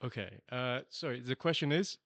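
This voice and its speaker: A man's voice: mid-range voice, animated, normal speed, vocal fry, a bit bright, no room sound. A man from Malaysia, a startup founder, chatting casually as an interview guest, laughing often and tagging "you know".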